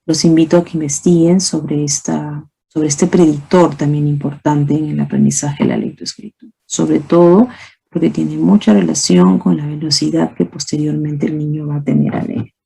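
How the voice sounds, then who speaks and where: Woman teacher, lecture to colleagues, gravelly, dark, asks rhetorical questions. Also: low-pitched, steady tone, normal speed. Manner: explains with spoken examples and rhetorical questions; often asks "¿no?" to check understanding. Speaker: teacher speaking to fellow teachers. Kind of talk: recorded lecture on early reading.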